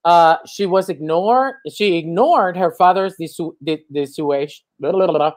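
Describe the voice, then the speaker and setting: A man's voice: fairly high pitch, normal speed. A man with a Spanish accent hosting a casual chat show, playful and rambling with theatrical flair, over a video call. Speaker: host.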